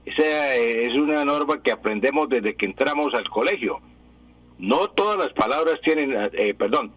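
A man's voice: mid-range voice, a bit bright, husky, no room sound, rough recording. A man explaining correct word usage on a radio show, patient and repetitive, often correcting himself. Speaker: language expert on a radio news show. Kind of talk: radio language advice segment.

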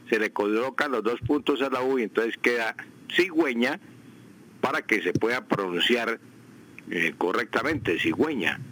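A man's voice: mid-range voice, a bit bright, poor audio. Radio language expert man explaining patiently. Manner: explanatory, repeats example words slowly, many fillers. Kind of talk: radio language advice segment. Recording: radio broadcast.

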